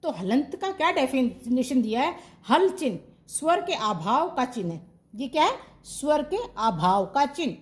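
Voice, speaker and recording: A woman with a high, light voice teaching a grammar lesson online. She asks a question, answers it herself and goes over each term again, in the steady way of a classroom teacher. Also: unhurried. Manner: asks questions and answers them herself, repeats key terms.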